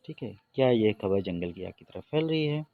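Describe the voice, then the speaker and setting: A man teaching an English grammar lesson in Hindi, reading the English example sentences slowly and deliberately. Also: lowish voice, expressive, creaky, no echo, phone-quality sound.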